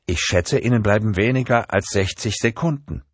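Cold tattooed kidnapper, read by a male narrator, very low and husky, calm menace in an audiobook. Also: moderate pace, no room sound.

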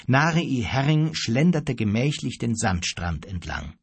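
A man reads an adventure story aloud in a dramatic, storytelling way. His voice has a husky grain and moves a lot in pitch. It is recorded dry and close, with no room sound. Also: big pitch swings, a little slow, dry recording. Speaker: audiobook narrator. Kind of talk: scripted narration.

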